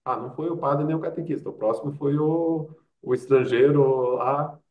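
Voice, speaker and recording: Heard from a distance on tinny, narrow-band audio, a man with a Brazilian accent speaks at a moderate pace in a mid-range voice. He's being interviewed as a doctor and public health expert, and he tells stories conversationally, leaning on rhetorical questions and quoted asides.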